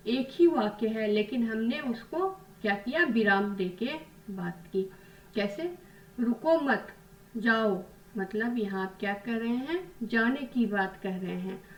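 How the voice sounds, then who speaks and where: Patient woman teacher, fairly high voice, recorded from a distance in an echoey room, quizzes and answers herself. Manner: patient, asks questions and answers them herself. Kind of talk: Hindi grammar lesson.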